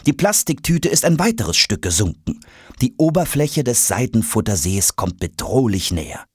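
A man narrating a children's audiobook in an expressive, dramatic way. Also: lowish voice, moderate pace, slightly rough, dry recording, studio quality. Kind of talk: scripted storybook narration.

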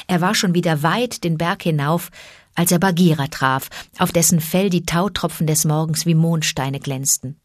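A woman narrating a storybook reading in an even, measured way. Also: deep voice, no room sound, clean studio sound.

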